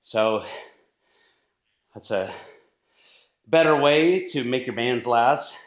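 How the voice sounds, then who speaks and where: A man's voice: medium pitch, takes it slowly. A man giving casual workout instruction in his home gym, now and then short of breath, sometimes moving away from the camera mic. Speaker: fitness coach. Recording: echoey home gym room.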